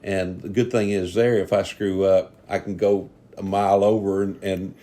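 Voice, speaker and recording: A man's voice: deep voice, level tone, normal speed, warm tone. A man, a podcast host talking about hunting in a folksy, earnest, rambling way. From Texas. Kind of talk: casual podcast interview.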